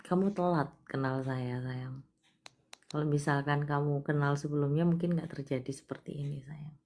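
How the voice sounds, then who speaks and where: A woman with a low voice hosts a live palm-reading session and talks straight to a caller. She coaxes and pushes, and her voice often sinks to a near whisper. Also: steady tone, moderate pace. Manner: coaxing, repeatedly urging the caller to cry; drops to soft, hushed delivery.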